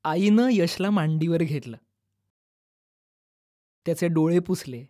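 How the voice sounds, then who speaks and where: A woman narrating a children's storybook in a calm, expressive way. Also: on the low side, takes it slowly.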